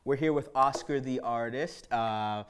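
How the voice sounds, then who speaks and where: A man's voice: medium pitch, measured pace, clean tone. A man from Harlem hosting a casual interview, easygoing and full of "you know" fillers. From New York City (Harlem). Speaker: podcast host.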